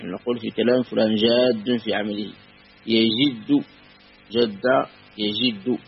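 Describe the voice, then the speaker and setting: A man teaching a classical grammar lesson, measured and patient, repeating and spelling out word forms slowly. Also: on the low side, steady tone, soft background music. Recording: dull lo-fi recording with faint hum.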